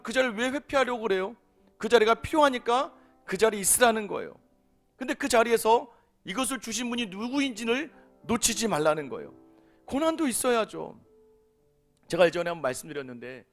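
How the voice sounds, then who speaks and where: A man preaching a sermon as a pastor in a chapel, telling stories and acting out the people in them. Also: high-pitched. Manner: animated storytelling, voicing people in his stories. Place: law firm chapel.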